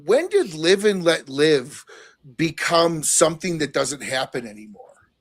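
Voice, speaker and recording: Man in his forties, higher voice, very animated, casual chat, blunt. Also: unhurried. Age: 40s. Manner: blunt, swears, asks pointed questions.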